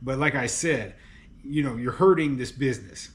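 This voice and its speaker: A man's voice: mid-range voice, lively intonation, normal speed. A man who is a landlord, casually commenting on a news article with lots of fillers, frequent laughs and exasperated opinions. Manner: chatty, laughs often, many fillers like "you know" and "okay". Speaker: landlord and real estate commentator.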